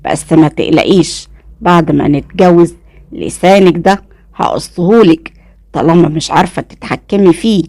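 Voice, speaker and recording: A woman with an Egyptian accent voicing a calm, blunt young man in a spoken story. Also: fairly low pitch, normal speed, dry recording, studio quality. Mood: cool. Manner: calm, curt and cold.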